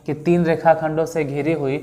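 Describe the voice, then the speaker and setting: Mellow-voiced Bihari Hindi maths teacher. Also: male voice, on the high side, flat delivery. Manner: repeats definitions slowly for dictation, quizzes students. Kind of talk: online classroom lesson.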